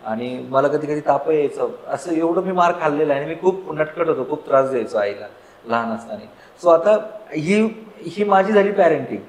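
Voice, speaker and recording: A man's voice: fairly high pitch, animated, normal speed, roomy sound, low-quality recording. A man hosting a podcast, who talks in a frank, chatty way and tells personal stories while asking his guest questions. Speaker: podcast host. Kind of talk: casual conversational interview.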